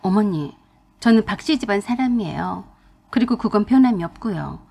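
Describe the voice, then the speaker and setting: A woman voicing a defiant, sharp-tongued young wife. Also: medium pitch, expressive, moderate pace, creaky, slightly rough. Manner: blunt, sharp, talking back.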